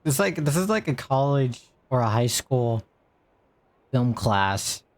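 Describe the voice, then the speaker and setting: A man's voice: medium pitch, big pitch swings, takes it slowly. A man streaming a video game, making casual, sarcastic, cursing commentary.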